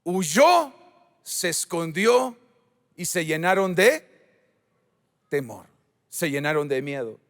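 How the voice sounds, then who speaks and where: Male pastor, sermon delivery, slow and emphatic with big rises and drops, long hall reverb. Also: expressive. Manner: preaching with emphatic swings in pitch and volume.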